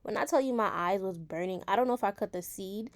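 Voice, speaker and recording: A woman's voice: mid-range voice, fast talker. A young woman in her late teens from New York talks casually through a cooking recipe, chatty and speaking straight to her viewers while repeating words for emphasis. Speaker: home cook vlogger.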